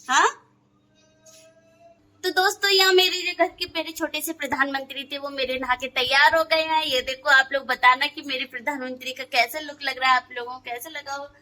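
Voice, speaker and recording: Chatty young Indian woman, bright high voice. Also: poor audio. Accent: North Indian Hindi. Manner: chatty, narrating her chores step by step. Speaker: vlogger and mother. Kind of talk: casual home vlog talking to viewers. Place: home rooms, then street and a shop.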